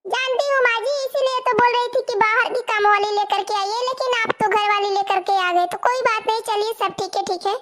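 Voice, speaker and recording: Woman doing a young daughter-in-law, snappy, sarcastic, very high voice, cartoon. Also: a little fast, few pauses, a bit bright. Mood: sassy. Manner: snappy, sarcastic back-talk. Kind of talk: cartoon voice acting.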